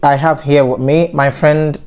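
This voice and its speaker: A man from Ghana in his thirties hosting a casual interview, speaking in a measured way with frequent fillers and restarts. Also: a little high, level tone, darkish tone, clean tone. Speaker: interview host.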